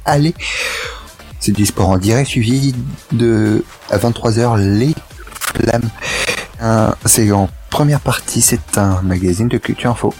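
A man's voice: fairly low pitch, a little mellow, faint music behind. A young man co-hosts an amateur radio show and reads the TV listings. He halts often and leans on fillers as he goes. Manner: halting, many fillers. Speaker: radio co-host. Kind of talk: casual radio chat reading TV listings.

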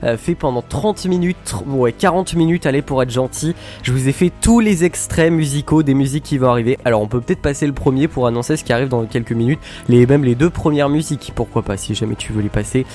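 A man hosts a live radio show and talks quickly in a mid-range voice, teasing his co-hosts and filling pauses with little hesitations. He keeps it loose and chatty. Faint music plays behind him. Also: medium pitch, a little mellow. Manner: joking, teasing, lots of fillers. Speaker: web radio host. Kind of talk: casual live radio chat.

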